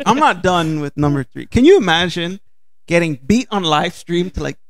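High, creaky-voiced man chatting. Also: expressive, moderate pace. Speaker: comedy panelist. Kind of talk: casual chat, joking banter. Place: living room, indoors. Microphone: handheld microphone.

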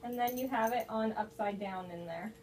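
A woman's voice: a little high, moderate pace, darkish tone, faint music behind. A young woman talking from inside a mascot head, chatting casually and giving easygoing instructions with a giggle, recorded at home. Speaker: fursuit maker and channel host. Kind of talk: casual chat. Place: home room, indoors. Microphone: camera set back from speakers. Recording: distant from mic, faint hiss.

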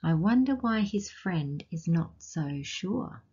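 A woman with an Australian accent reading a picture book aloud to children and asking them gentle, teacherly questions along the way. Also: fairly low pitch, animated, slow, breathy edge, muffled recording. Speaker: children's storytime reader.

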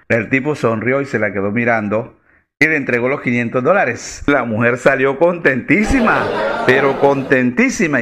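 A man's voice: mid-range voice, a bit bright. A man telling a string of jokes as a storyteller, shifting into voices for the characters. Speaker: joke teller.

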